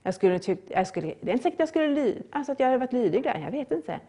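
A middle-aged woman preaching a sermon, earnest and repetitive, with loud rising appeals. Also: high voice, lively intonation.

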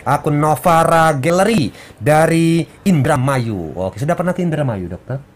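A man's voice: on the high side, lively intonation, normal speed. A man hosting a health talk show on radio in a casual, chatty way, often seeking agreement. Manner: chatty, frequently seeks agreement with 'ya'.

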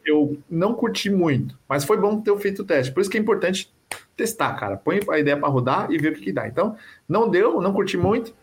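Slightly high-voiced Brazilian man in casual interview. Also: animated, brisk, a little hiss or hum. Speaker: podcast guest, video creator.

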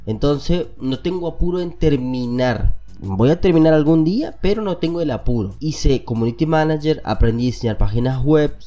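Congested from a cold, this man speaks with a Latin American Spanish accent as he hosts a podcast, talking straight to his listeners in a relaxed, motivational monologue. His voice is on the high side, animated and dark-toned at a normal speed, over soft music in a muffled recording.

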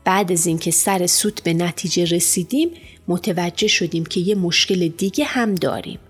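Low-voiced woman reading a storybook. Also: husky. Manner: lively, expressive storytelling. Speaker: audiobook narrator. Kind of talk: storybook narration as a boy narrator. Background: faint music.

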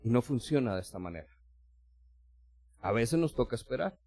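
A man's voice: medium pitch, lively intonation, moderate pace, warm tone, no echo. A male preacher giving a sermon in a conversational way, speaking straight to his listeners and acting out small everyday scenes. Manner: addresses listeners directly and formally.

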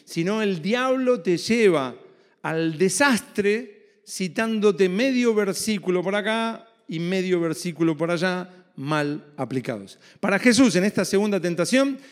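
A man's voice: high-pitched, expressive, a little slow. A man preaching a sermon as pastor, emphatic and often asking his listeners rhetorical questions. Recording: reverberant hall.

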